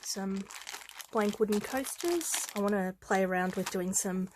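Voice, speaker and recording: A mid-range female voice comes through over a noisy background as a craft vlogger, slightly stuffed up with a head cold, walks through her supplies in a show-and-tell vlog. She takes her time, chatting casually and saying um and uh often.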